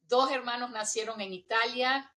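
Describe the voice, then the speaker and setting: This intercultural trainer, a middle-aged woman from the US, is being interviewed and chats easily, laughing often. Her fairly high, pushed, bright voice holds a fairly even intonation at a moderate pace, with a hybrid Spanish accent people often take for Argentine. A little hiss or hum sits under the recording.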